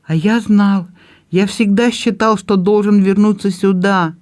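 A man's voice: high-pitched, fairly even intonation, a little slow, a little mellow, pitched above the performer's own voice. A man reading an audiobook and voicing a hesitant young man in love, speaking tenderly with a shake in his voice.

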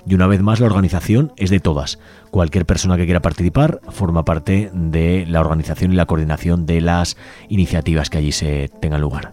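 A Spanish man with a Peninsular accent hosts a community radio show from a studio, doing an unscripted talk segment over a soft music bed. His voice is deep and steady, fairly quick yet unhurried in feel, and he often restarts and rewords his phrases.

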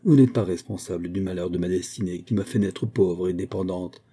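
A man's voice: deep voice, a little fast, warm tone, slightly rough. A man voicing a young, proud orphaned singer who defends herself with wounded dignity. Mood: earnest.

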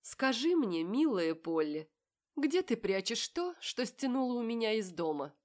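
A woman's voice: fairly high pitch, sing-song, a little slow, darkish tone, voice pushed up. A woman reading an audiobook, voicing a cold, self-assured young man who speaks in a curt, mocking way. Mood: menacing. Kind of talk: audiobook character voice.

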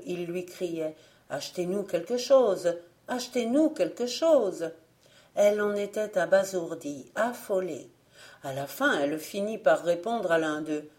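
Audiobook narrator, woman, low mellow voice, measured delivery. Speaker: audiobook reader. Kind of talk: audiobook narration of folk legends.

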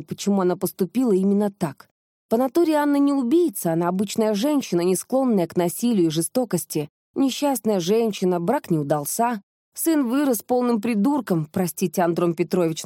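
A woman voicing a sharp-minded woman investigator who calmly lays out a case in a close, dry studio recording. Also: medium pitch, a little fast, no echo, natural voice. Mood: explaining. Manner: calm, reasoned explaining.

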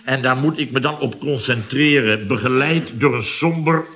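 An actor playing a pompous, indignant boss of a building firm in a 1960s radio comedy. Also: male voice, medium pitch, normal speed, bright, forceful tone, slight background noise, natural voice.

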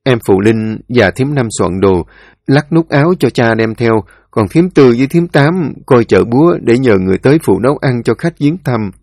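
A man's voice: medium pitch, normal speed, gravelly, no echo, clean studio sound. A man voicing a grieving eldest son giving orders. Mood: directive. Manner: directive, steady.

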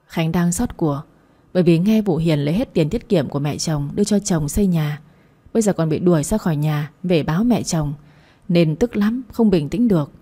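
Husky low-voiced woman storyteller. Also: dark tone. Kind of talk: audiobook narration of a family drama.

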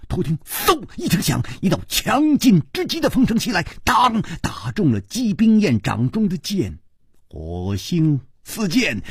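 A man narrating a martial arts audiobook in a theatrical way, with sweeping pitch swings, recorded in a dry studio. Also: breathy edge, no echo. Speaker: storyteller.

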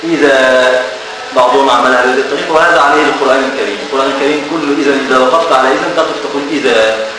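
A man's voice: mid-range voice, rapid-fire. Echoey, distant Egyptian man teaching a class. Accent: Egyptian Arabic. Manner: lively, bantering with students, repeats key words. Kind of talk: classroom lecture. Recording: echoey room from far off, ambient noise.

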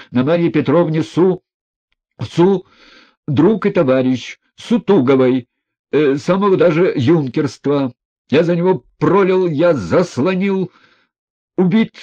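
A man's voice: a little high, muffled recording, voice pushed up. A man doing a blustering old general. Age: older. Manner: shouting, sputtering, broken phrases. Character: old retired general, hot-tempered, blustering.

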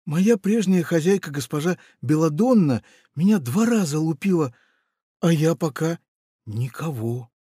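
A man's voice: a little high, lively intonation, unhurried, mellow, slightly rough, no echo, clean studio sound, pitched above the performer's own voice. A man doing Funtik, a shy little piglet. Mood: bashful. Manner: timid, bashful.

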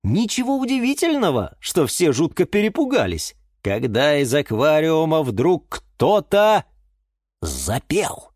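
A woman narrating a children's story in an expressive, theatrical way. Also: deep voice, measured pace, hardly any pauses, no echo, studio quality.

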